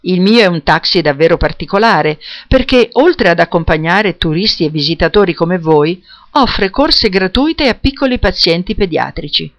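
A reader voicing a cheerful, eccentric middle-aged woman who drives a taxi, talking in a bright, chatty way. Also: mid-range voice, animated, moderate pace, dry recording. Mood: warm.

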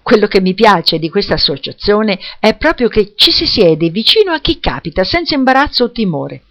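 A woman's voice: mid-range voice, very animated, moderate pace, fairly bright tone. A woman voicing a friendly young woman who is eager and encouraging. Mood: cheerful.

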